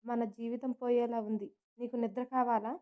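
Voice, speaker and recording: A woman's voice: on the high side, level tone, moderate pace, dark tone, lightly acted. A woman voicing a furious scheming mother. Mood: angry. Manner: harsh, threatening.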